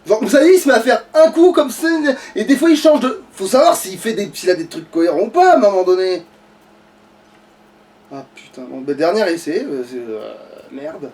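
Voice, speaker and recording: In a sing-song, darkish mid-range voice at normal speed, a gamer gives casual, sweary, grumbling commentary while playing. The mic is distant and game music plays behind.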